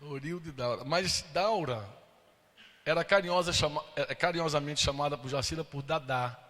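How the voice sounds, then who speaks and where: A man's voice: on the high side, normal speed, fairly bright tone. A Brazilian man preaching a sermon, telling an emotional personal story and acting out the voices of the people in it. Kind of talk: sermon testimony. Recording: long hall reverb.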